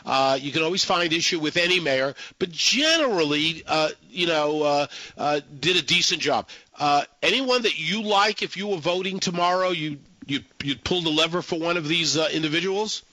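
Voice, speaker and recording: Male radio host, sharp slightly high voice, halting repetitive phrasing, dry sound, live call-in talk. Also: no echo, rough recording.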